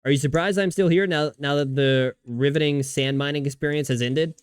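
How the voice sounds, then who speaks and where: A man's voice: fairly high pitch, steady tone, brisk, clear, resonant tone. A man streaming a video game, chatting casually with viewers in a rambling way, swearing often and restarting his sentences. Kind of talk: casual livestream chat while gaming.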